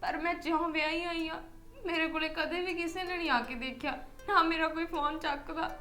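Young wife all hurt n teary, high voice, roomy echo. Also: female voice, steady tone, normal speed, soft background music. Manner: plaintive, complaining softly. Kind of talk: village family drama.

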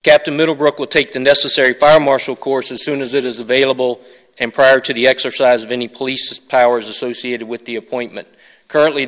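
Middle-aged man, fire chief, flat even delivery, formal council report, reverberant chamber. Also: medium pitch. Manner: measured, reads prepared remarks with occasional fillers.

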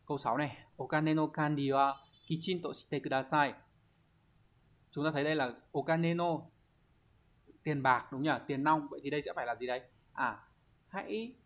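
A man's voice: fairly high pitch, fairly bright tone. A man teaching a Japanese exam review lesson, patiently walking through each answer and often asking his students to confirm. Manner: patient, explanatory, frequent check-in questions.

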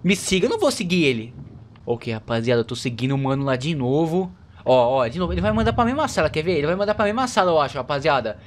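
Jumpy Brazilian gamer man, lively voice. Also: a little high, fast talker, a little hiss or hum. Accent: Brazilian Portuguese. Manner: jumpy, yelps and laughs in fright, talks to his audience. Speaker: gaming YouTuber. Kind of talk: let's play commentary. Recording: game music behind.

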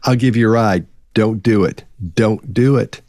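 A man's voice: lowish voice, normal speed, no room sound, studio quality. A man in his fifties co-hosting a live Q&A over a video call, telling stories and acting out quotes. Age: 50s. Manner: animated storyteller, acts out quotes. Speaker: co-host. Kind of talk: casual live Q&A chat. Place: home office with bookshelves. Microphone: video call webcam.

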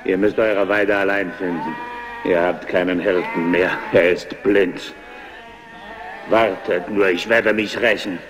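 A man's voice: sits low, steady tone, unhurried, noisy background. A man playing a blinded, vengeful one-eyed giant shepherd who broods, laments and threatens, in a radio drama with a long reverb. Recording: long reverb, cave-like hall.

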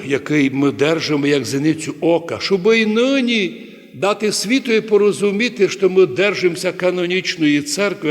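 A man, an archpriest preaching a sermon in a large cathedral, breaking into sudden loud, dramatic cries. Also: high voice. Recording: long cathedral reverb.

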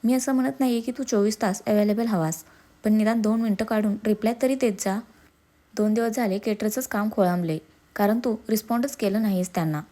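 A woman voicing a reproachful, sharp-tongued young wife in a storybook reading. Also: mid-range voice, a little fast, close to an everyday voice. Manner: reproachful, sarcastic.

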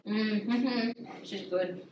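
A woman's voice: mid-range voice, bright, forceful tone. A playful, giggly Australian woman chatting casually as a guest friend at home, talking with her mouth full of food. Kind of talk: casual chat while eating. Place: home, indoors. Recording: echoey room, distant mic, faint noise.

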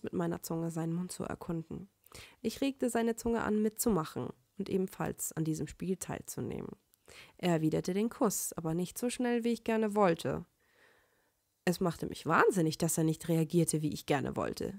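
A young woman reading her own fan fiction aloud in first-person narration, with an expressive delivery on a close mic. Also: fairly low pitch, creaky, no echo.

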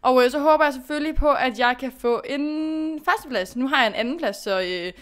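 A young woman with a high, smooth, clear voice narrates her own gameplay in a chatty, self-directed way. She pushes herself to focus, scolds her own mistakes and praises her own good moves. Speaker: gaming youtuber. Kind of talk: casual gameplay commentary.

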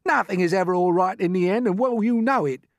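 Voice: medium pitch, very animated, moderate pace, no room sound, clean studio sound, voice pushed up, close to an everyday voice. A performer doing a wailing, doom-struck earthworm, wildly swooping. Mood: gloomy alarm. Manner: dramatic, wailing complaint. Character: gloomy, irritable blind male earthworm, forever prophesying doom. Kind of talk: storybook character voice.

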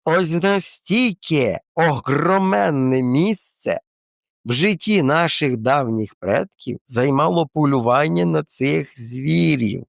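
A man's voice: a little high, animated, slow, gravelly, dry recording. A man presenting a casual explanatory talk in a colloquial, playful way with slangy asides, close to the mic.

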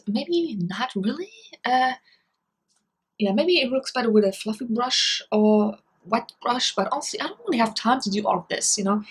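A young woman films a casual beauty review at her desk in a small bedroom. Her voice is a little husky and sits at an ordinary pitch. She rambles in a friendly, chatty way, full of fillers. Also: low-quality recording. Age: young adult. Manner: chatty, many fillers like "you know" and "um". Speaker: beauty vlogger.

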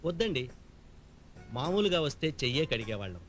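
A man's voice: mid-range voice, very animated, fairly quick, a bit bright. An actor playing a courteous middle-aged father who comes to ask for a bride. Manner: courteous and formal. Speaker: groom's father. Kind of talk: film acting. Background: film score music.

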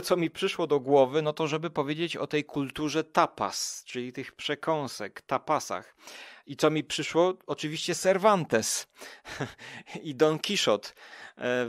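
A man's voice: medium pitch, fairly bright tone, no echo, clean studio sound. A man chatting casually as a podcast guest, rambling with many fillers and restarts. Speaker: podcast guest, food show creator. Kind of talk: casual chat.

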